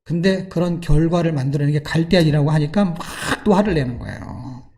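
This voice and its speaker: A middle-aged man preaching a sermon, telling the story in a lively way with rhetorical questions and acted-out quotes. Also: fairly high pitch, a little fast. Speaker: pastor.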